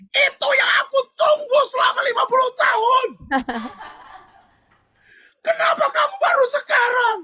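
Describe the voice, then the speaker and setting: Seorang pria pendeta memerankan istri tua yang marah besar, berteriak dengan suara hampir menangis. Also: male voice, very high voice, creaky, pitched above the performer's own voice, exaggerated voice. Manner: shouting, near tears. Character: old wife, furious after fifty years of waiting.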